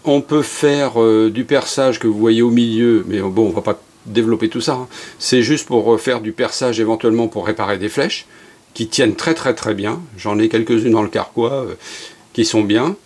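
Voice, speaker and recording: A middle-aged man giving a relaxed, chatty hands-on workshop demonstration as an archery instructor, with many fillers and asides. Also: lowish voice, normal speed.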